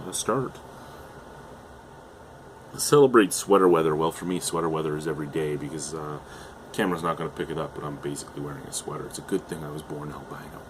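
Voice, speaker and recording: At home, a young Canadian man with a low, increasingly hoarse voice talks through a beer review, sounding a bit bright. He's chatty but hesitant, rambling with lots of "uh"s and restarted sentences, and he's clearly losing his voice. A faint air-conditioner hum runs underneath.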